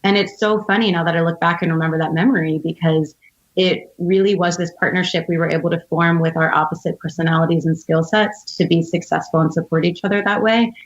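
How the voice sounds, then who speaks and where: With a lowish voice and steady tone, an American entrepreneur in her thirties speaks at a quick pace as an interview guest on a podcast, sharing personal stories thoughtfully and articulately in a conversational style. She comes from outside Philadelphia, and the sound is lo-fi.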